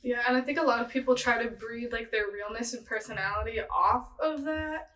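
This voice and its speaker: A woman's voice: fairly high pitch, fairly quick, sharp tone, roomy sound, recorded from a distance, rough recording. A woman interviewing a guest in a casual chat, reacting with short agreements and laughs.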